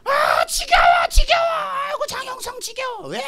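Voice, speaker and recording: A man doing a shrill whining demon. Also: huge pitch swings, unhurried, creaky, full character voice. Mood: whining exasperated. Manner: shrill, wailing shouts. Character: whining male demon, fed up with the pastor.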